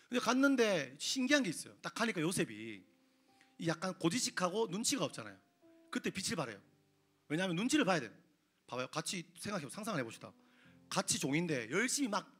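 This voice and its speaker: A male pastor preaching a lively sermon, telling the story with animated quoted voices and frequent questions to the congregation. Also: high voice, breathy edge. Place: church sanctuary.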